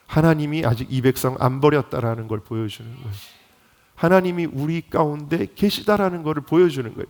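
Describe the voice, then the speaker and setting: A man preaching to his congregation in a church, mid-pitched and direct. He asks questions out loud and presses his points with rising intensity. His voice climbs and grows louder at the strongest points. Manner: impassioned, rising to emphatic peaks. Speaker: pastor. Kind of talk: sermon. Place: church sanctuary.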